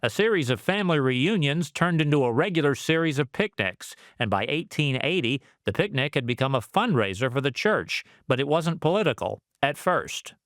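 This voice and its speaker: A man reporting a scripted history segment for a news program, with lively storytelling delivery. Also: a little high, moderate pace, hardly any pauses, no room sound, studio quality.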